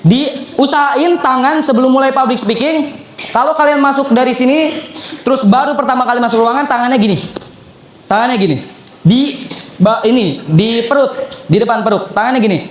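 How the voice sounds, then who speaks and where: Young man, very high voice, public speaking coach, repeats lines while demonstrating, echoey school hall. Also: normal speed, slight background noise. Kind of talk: lively seminar teaching to students. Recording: echoey room.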